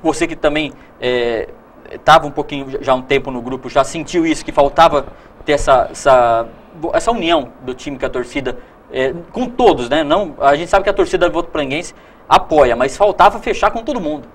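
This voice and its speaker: Sports show host asking long questions. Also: male voice, on the high side, a little fast, a little hiss or hum. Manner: long, loosely built questions. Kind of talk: studio TV interview. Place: TV studio set.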